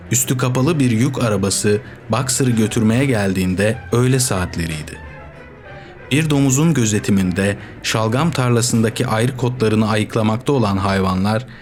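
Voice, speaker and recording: A man reading a novel aloud as audiobook narrator, with steady, measured storytelling. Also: lowish voice. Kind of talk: scripted narration.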